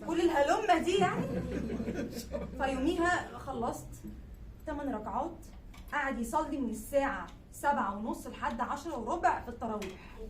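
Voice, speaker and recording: A young woman with an Egyptian accent telling a comic story at a live event, animated and laughing through her words. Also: high voice, moderate pace, crowd noise. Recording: echoey room, distant mic, background noise.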